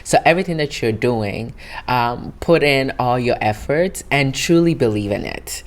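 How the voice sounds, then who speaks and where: A woman's voice: very deep voice, expressive, moderate pace. A woman from Italy, giving reflective, encouraging interview answers in an earnest way. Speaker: interview guest, founder.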